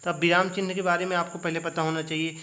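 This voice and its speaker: A man's voice: on the high side, flat delivery, fast talker, pushed and bright. Man teaching an exam revision class. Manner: repeats questions and answers them himself; asks students rhetorical check questions.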